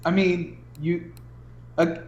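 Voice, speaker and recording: A man playing a tabletop game, chatting and joking in quick banter. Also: high-pitched, flat delivery, darkish tone, dull audio, a little hiss or hum. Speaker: player. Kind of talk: casual chat during a tabletop game. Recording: echoey room.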